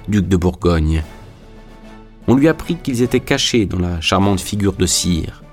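A man narrating a literary audiobook in a measured, even storytelling manner. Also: lowish voice.

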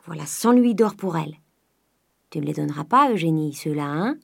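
A woman voicing a miserly old man who is by turns gruff and wheedling, with a lower voice and shifting pace. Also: expressive, moderate pace, no room sound, clean studio sound, heavily acted. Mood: coaxing, gruff.

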